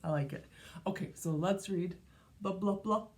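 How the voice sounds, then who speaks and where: A medium-pitched woman reads a storybook aloud to young children like a teacher, expressive and deliberate, prompting her listeners.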